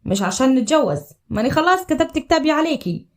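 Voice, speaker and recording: A woman voicing a devoted young husband from Upper Egypt in a storybook drama, speaking in a low, earnest Upper Egyptian accent. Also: sing-song, fast talker. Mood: tender. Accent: Upper Egyptian Arabic. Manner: low, earnest, tender declarations.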